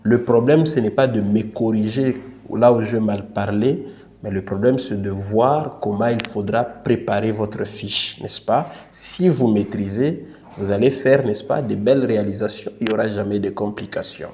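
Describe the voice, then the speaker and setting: His voice sits lowish with a dark tone and a moderate pace. A Congolese French accent colours this instructional screen tutorial, where he teaches patiently and repetitively, tags lines with "n'est-ce pas," and apologises for his English.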